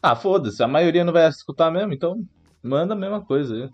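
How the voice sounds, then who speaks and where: A Brazilian man talks fast in slangy, teasing podcast banter, his voice sitting a little high. The recording has a dull, lo-fi sound. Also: animated, faint music behind. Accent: Brazilian Portuguese. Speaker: podcast co-host. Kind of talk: casual banter.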